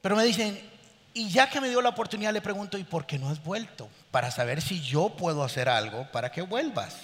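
High-voiced man preaching in a hall. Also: brisk. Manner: animated preaching, acts out people in stories. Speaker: pastor. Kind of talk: sermon.

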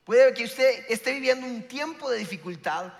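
A man's voice: extremely high pitch, normal speed, vocal fry, long reverb tail. A male pastor, preaching a sermon and telling a story with acted-out quotes and emphatic delivery.

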